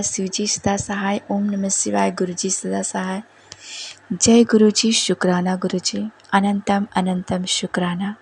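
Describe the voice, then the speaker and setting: A woman telling listeners about a devotional dream, slow and even, addressing them again and again. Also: lowish voice. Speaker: devotee sharing a dream testimony.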